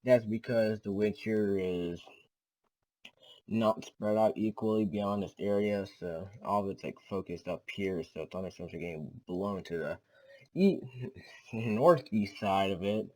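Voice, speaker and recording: On a low-quality recording, a man runs his own weather channel and talks through a storm forecast in a relaxed way. His voice is lowish, warm, and unhurried, but his delivery is hesitant and repetitive, packed with fillers and a slight stutter he admits to himself.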